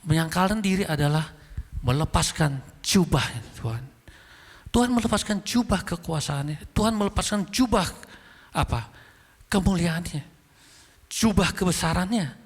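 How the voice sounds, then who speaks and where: A man's voice: high voice, normal speed, pauses often, breathy edge. A male pastor, preaching a sermon and acting out the dialogue in his story. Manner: animated storytelling, acting out dialogue, addressing congregation as "saudara". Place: large church hall. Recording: long hall reverb.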